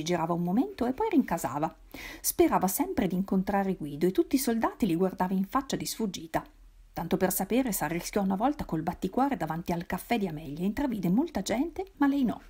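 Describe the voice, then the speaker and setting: A woman reading a novel aloud in a measured, expressive way. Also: medium pitch, breathy edge. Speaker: reader. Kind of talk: literary read-aloud.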